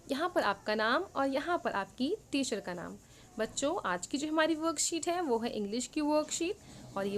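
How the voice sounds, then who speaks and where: A woman teaching a worksheet lesson to young children, explaining in Hindi and reading English lines slowly. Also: high voice, slight background noise.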